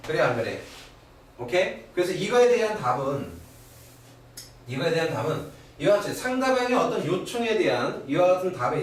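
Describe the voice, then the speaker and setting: A middle-aged man teaching English grammar in a classroom lecture, constantly checking in with his students. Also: on the high side. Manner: animated, keeps asking "그지?" and "오케이?". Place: academy classroom. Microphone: far camera. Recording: very echoey old classroom recording from far off, faint hiss.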